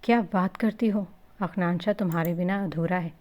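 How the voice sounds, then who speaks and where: A woman's voice: lowish voice, fairly even intonation, normal speed, a little mellow, close to an everyday voice. A woman reading the part of an affectionate, joking young husband in a storybook reading.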